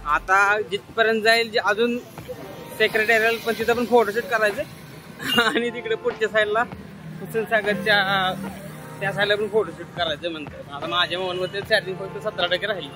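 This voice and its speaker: Casual male vlogger, high-pitched, rambling directions on a phone outdoors, music behind. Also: steady tone, fairly quick, rough recording. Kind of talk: casual vlog narration. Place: outdoors in a city.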